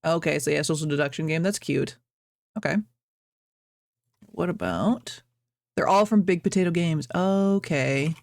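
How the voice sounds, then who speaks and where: A woman's voice: deep voice, lively intonation, a little slow, gravelly, long pauses, darkish tone, dry recording. Chatty woman streamer in a dry room. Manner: chatty, rambling, reads chat aloud, laughs often. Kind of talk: casual chat with stream chat. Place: at home, birds outside.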